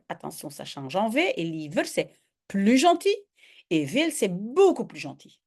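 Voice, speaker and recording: A woman, reading a children's story in Dutch and explaining its grammar as a teacher. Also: mid-range voice. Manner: lively, switches often between reading and explaining.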